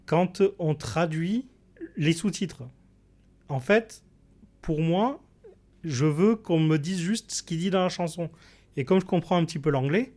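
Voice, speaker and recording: A man's voice: fairly high pitch, a little mellow. A man on a podcast panel, giving his opinions bluntly and with emphasis. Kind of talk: casual debate chat.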